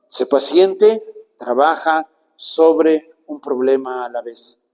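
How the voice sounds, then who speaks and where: A man preaching a sermon, earnest and slow, often turning to the listener with direct questions. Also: mid-range voice, in a large hall, poor audio.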